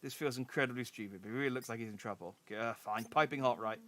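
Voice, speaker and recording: A man's voice: mid-range voice, racing, fairly bright tone. A man casually commenting as he plays a game and reads its dialogue aloud. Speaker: streamer.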